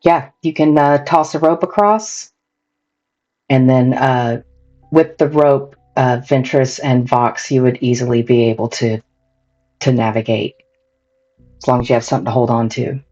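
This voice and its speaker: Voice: mid-range voice, fairly even intonation, unhurried, darkish tone. A game master casually and hesitantly narrating a tabletop role-playing game. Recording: dull lo-fi audio, faint music behind.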